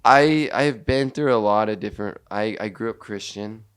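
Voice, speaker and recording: A man in his twenties with an American accent, a podcast guest talking casually in a halting, earnest way with frequent restarts. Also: lowish voice, smooth. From Seattle, USA. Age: 20s. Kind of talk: casual conversation.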